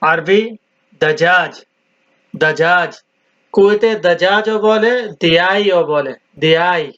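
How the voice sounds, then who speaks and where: A man teaching vocabulary, deliberately repeating each word several times. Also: high-pitched, fairly bright tone. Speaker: language teacher. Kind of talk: slow vocabulary drill. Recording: dull lo-fi sound.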